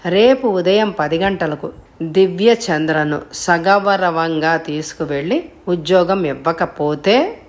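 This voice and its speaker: A woman reading an audiobook voices a calm, taunting young male blackmailer on the phone. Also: mid-range voice. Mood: threatening. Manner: calm, unhurried and mocking. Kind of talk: audiobook character voice.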